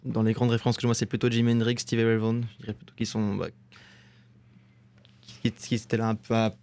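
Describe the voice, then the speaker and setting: A male guitarist answering a host's questions. He talks fast and chatty, in a gravelly voice with a flat pitch. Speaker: guitarist guest. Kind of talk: casual interview answers.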